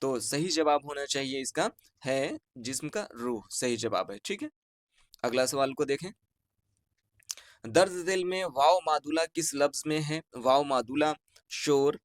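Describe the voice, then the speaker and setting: A man's voice: a little high, dry recording. Urdu-inflected man going over exam answers. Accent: Urdu-inflected Hindustani, Bihar. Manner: reads each question and its options slowly, then repeats the answer. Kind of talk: online exam answer-key lesson.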